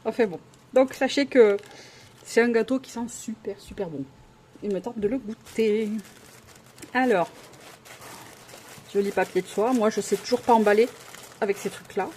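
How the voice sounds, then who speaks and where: A woman's voice: a little high, moderate pace, long pauses, a little mellow, a little hiss or hum. A woman vlogger chatting casually while unboxing at home, gushing with exclamations and often hesitating.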